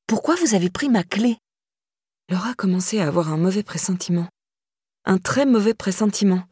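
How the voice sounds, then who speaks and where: A woman narrating an audiobook in a steady, measured reading. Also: mid-range voice, no room sound, studio quality. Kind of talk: scripted narration.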